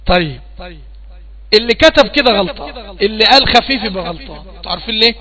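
A man with an Egyptian accent leads a tajweed lesson, his voice high and bright. He questions his students patiently and goes over each point again and again. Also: lively intonation, quick pace, low-quality recording. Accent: Egyptian Arabic. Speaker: Quran recitation teacher.

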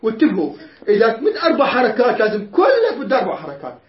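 A man with a high voice and huge pitch swings gives a patient tajweed lesson on the rules of Quran recitation. He keeps questioning his students and slowly chants the verses he explains, captured in a dull, lo-fi recording with a roomy echo.

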